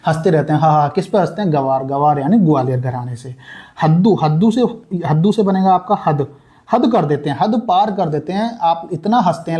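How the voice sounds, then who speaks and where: A man's voice: on the high side, warm tone. A young man giving a casual exam-prep lesson, chatty and repetitive, often calling his viewers brother. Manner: chatty, repeats words, addresses viewers as brother. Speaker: exam coaching teacher.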